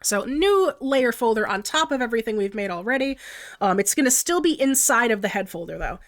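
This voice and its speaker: On a live stream, a flu-congested young woman explains her digital art in a fairly high, animated voice that runs a little fast. She's chatty and giggly and often reads chat out loud.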